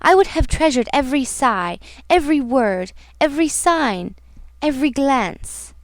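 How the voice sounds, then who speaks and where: A woman voicing a grieving, devoted young woman who murmurs low and pleads. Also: expressive, measured pace, no room sound.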